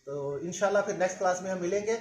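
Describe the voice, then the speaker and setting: High-voiced man teaching in an echoey room. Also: a little hiss or hum. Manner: patient, repeats words slowly for drilling. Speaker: language teacher. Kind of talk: classroom-style video lecture.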